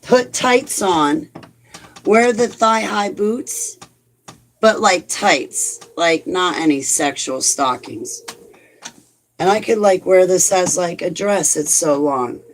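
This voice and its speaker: With a lowish voice and a slow pace, a vlogger in her forties chats to her viewers and reads live comments, over slight background noise. She's chatty and self-deprecating, rambling along with lots of "like"s.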